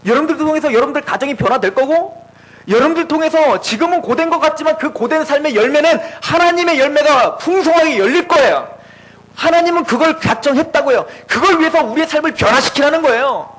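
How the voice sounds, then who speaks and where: High-voiced man preaching a sermon. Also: fast, rough recording. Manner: animated, acts out quoted voices of God and Moses. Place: church.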